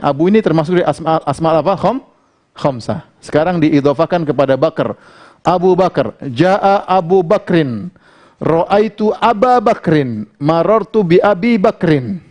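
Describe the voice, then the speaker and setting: A middle-aged Indonesian man teaching an Arabic grammar lesson, asking and answering his own questions and chanting example phrases slowly. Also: fairly high pitch. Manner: lively, quizzing himself with questions and answers. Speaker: Islamic teacher.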